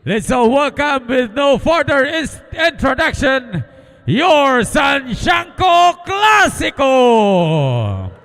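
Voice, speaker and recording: Male echoing stadium announcer, slow drawn-out booming calls, very animated, long arena reverb. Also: creaky. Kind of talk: stadium announcer introducing teams. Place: large indoor coliseum, over PA.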